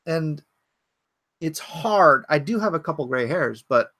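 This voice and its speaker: This livestream host, a man in his forties at his home computer, thinks out loud and rambles as he responds to chat comments. His voice runs on the high side and sounds expressive, pushed and bright at a measured pace, with no room sound.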